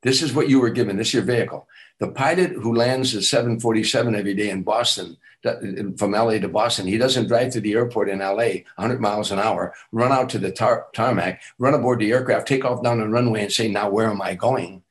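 In a low-quality recording, a fairly quick, lowish male voice belongs to an older guest speaker, an author and teacher. During an interview he delivers an earnest pep talk, repeating affirmations and pushing his voice up on the key phrases.

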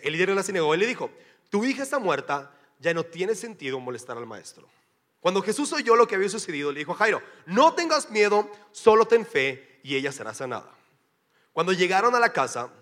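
A man's voice: a little high, a bit bright. A man with a Mexican Spanish accent preaching a sermon as pastor, in a casual, joking, slangy way. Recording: long hall reverb.

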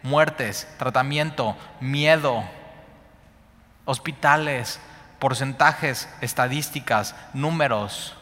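A man with a Mexican accent preaching a sermon on a Bible passage, repeating words for emphasis and swinging between loud and hushed. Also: mid-range voice, slow pace. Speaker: Bible teacher. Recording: long hall reverb.

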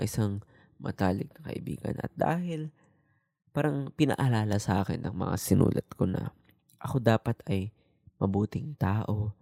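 A young man talks in a low, relaxed, reflective way, as if he were confiding in the listener. His voice is dark and gravelly with creak, and his pitch sits low. The sound is dry and close, with no room behind it. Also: no room sound. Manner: soft, low, relaxed talk that mixes Tagalog and English, with frequent "di ba?". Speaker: vlogger. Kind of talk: casual reflective monologue.

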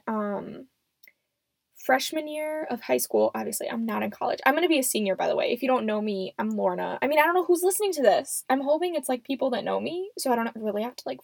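A woman's voice: high-pitched, gravelly, darkish tone, no room sound. A seventeen-year-old young woman hosting a casual, unscripted solo podcast in a rambling, self-deprecating way, recorded close and muffled in a closet. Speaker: podcast host. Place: small closet at home. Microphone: microphone.

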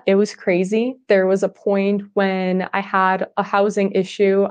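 A woman's voice: medium pitch, clean tone, no room sound. A woman born in Russia and raised in California, speaking as a podcast guest, telling stories in a chatty way with lots of "like". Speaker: podcast guest, business owner. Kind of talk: casual podcast interview.

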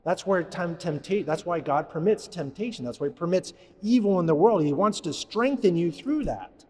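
A male priest preaching in a church with a slightly raised pitch. He talks in a loose, conversational way and keeps putting questions to the people in the pews. His voice carries a long church reverb. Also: animated, normal speed, a little mellow. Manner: conversational, asks the congregation questions. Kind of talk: sermon.

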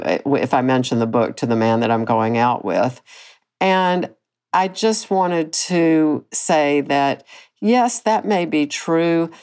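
On her own podcast, a host in her sixties talks openly and thoughtfully, her low voice not projecting far. Her sound is a little mellow, and she frequently starts sentences over.

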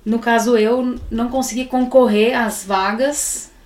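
A woman's voice: on the high side, fairly even intonation, unhurried, darkish tone. A Brazilian woman in her thirties, a podcast guest talking in emphatic, casual chat. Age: 30s. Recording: echoey room.

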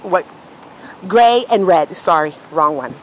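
A woman's voice: lowish voice, lively intonation, slow pace, low-quality recording. A slightly tipsy woman telling stories in a rambling, profane monologue while walking outdoors. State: a little tipsy. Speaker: podcast host. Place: outdoors on a city street. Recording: street noise with passing traffic.

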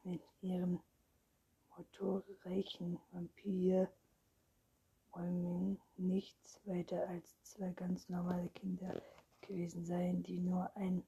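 Slow whispering woman reading a storybook. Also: lowish voice, slightly rough. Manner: hushed, slow and even. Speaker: narrator.

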